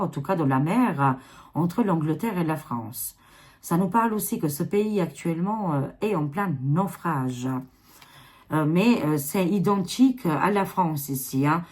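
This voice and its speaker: A woman with an Albanian accent reading tarot cards to camera in a rambling, casual way, dropping many fillers. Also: on the low side. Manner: rambling, filler-heavy, repeats 'hein'. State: tired. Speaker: tarot reader.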